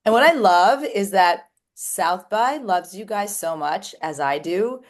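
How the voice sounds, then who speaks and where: A woman's voice: mid-range voice, animated, slow pace. A woman hosting a casual interview with a band, upbeat and enthusiastic. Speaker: showcase founder and interviewer.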